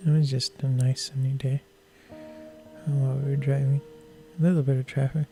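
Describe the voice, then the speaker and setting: A man giving casual, low-key live-stream commentary as he works on photos, unhurried, with music behind him. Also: level tone, creaky, mellow.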